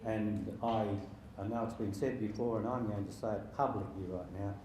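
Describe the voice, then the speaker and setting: A man in his sixties giving an informal wedding speech as father of the bride, halting and jokey with sentimental touches. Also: lowish voice, fairly even intonation. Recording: very echoey room with faint background noise.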